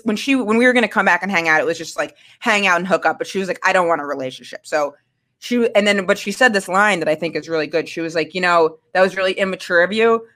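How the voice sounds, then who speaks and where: A young woman from Maine, a guest in a casual podcast conversation, who tells her stories animatedly and acts out what people said. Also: fairly low pitch. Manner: animated storytelling, acting out quotes.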